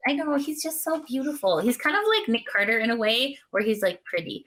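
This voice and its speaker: A woman from Canada co-hosting a podcast in casual chat, excitable and gushing, easily sidetracked. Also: fairly high pitch, a little fast, slight background noise. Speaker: podcast co-host.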